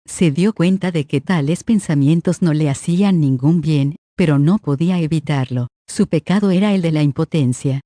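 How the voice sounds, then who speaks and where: An audiobook reader giving a steady, even scripted narration of a novel. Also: medium pitch, dry recording, studio quality.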